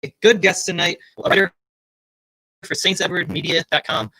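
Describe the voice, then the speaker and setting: Bright-voiced male livestream host. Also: sits high, normal speed, creaky, no echo. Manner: rambling, chatty, many fillers. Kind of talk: casual livestream chat.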